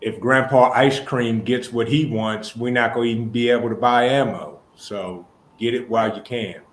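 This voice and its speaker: A man's voice: medium pitch, fairly even intonation, normal speed. A man chatting casually as a livestream guest, blunt and repeating himself for emphasis. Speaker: guest on a live stream. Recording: roomy echo with light background noise.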